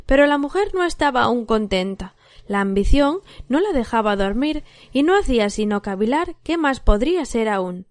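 A woman storyteller giving a measured, expressive narration of a fairy tale. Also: a little high, dry recording.

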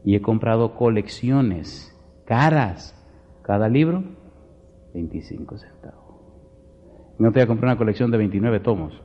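A man's voice: lowish voice, normal speed, long pauses, big-room sound, lo-fi sound. A male pastor preaching a Bible study sermon, emphatic, firing rhetorical questions at his congregation and telling folksy stories from home. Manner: folksy storytelling asides.

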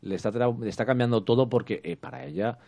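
A man chatting casually as a podcast co-host about a TV series, rambling and animated. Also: medium pitch, fast, creaky. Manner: rambling, animated, quotes characters. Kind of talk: casual chat reviewing a TV series.

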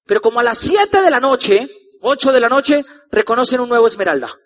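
A young Colombian man in his twenties telling a lively personal story to a live audience as a motivational speaker, acting out the people in it. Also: very high voice, a little fast. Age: 20s. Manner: animated, acts out the voices of the people in his story.

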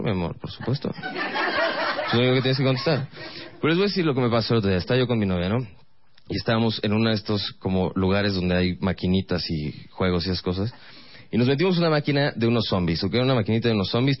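A man with a Mexican accent doing a stand-up routine, rambling quickly through stories and acting out the quotes. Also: on the low side, expressive, dull audio. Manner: rapid rambling storytelling with acted quotes. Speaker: stand-up comedian.

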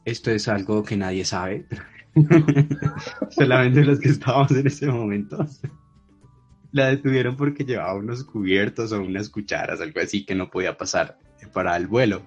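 A man with a low, husky voice chats casually and pokes fun at himself. The sound is dull and lo-fi, with soft music behind him. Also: normal speed. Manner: self-deprecating, chatty. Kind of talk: casual chat.

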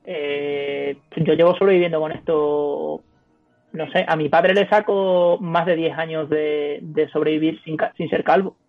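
A fairly high-pitched man with a Spanish accent comes through a thin, phone-like line with music behind. His chat is casual, blunt and peppered with swearing. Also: steady tone, a little slow. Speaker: podcast co-host.

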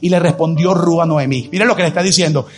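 A man's voice: fairly high pitch, fast. A male pastor preaching a sermon, emphatic, full of rhetorical questions and exclamations. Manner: married.

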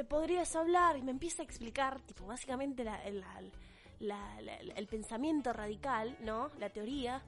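High-voiced profane Argentine teen girl. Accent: Argentine Spanish. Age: teens. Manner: blunt, profane, sarcastic ranting. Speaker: vlogger. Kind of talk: opinion rant to camera.

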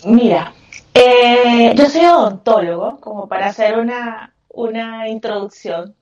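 Speaking with a Venezuelan Spanish accent, a craft business owner guests on a podcast, answering questions in a chatty, effusive, emphatic manner. Her slightly high voice is a bit mellow and measured in pace, and the mic sounds echoey, distant and muffled, with slight background noise.

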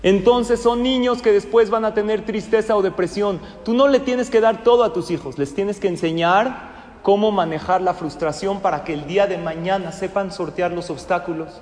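A man giving a lively parenting lecture to a live class, acting out parents and children. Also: sits high, normal speed. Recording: echoey hall with faint noise.

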